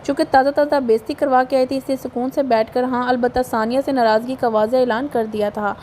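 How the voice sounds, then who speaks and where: High-voiced Urdu woman reading a novel. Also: fairly even intonation, fast, darkish tone, a little hiss or hum. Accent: Pakistani Urdu. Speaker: audio novel narrator. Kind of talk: reading a romance novel aloud, voicing all characters.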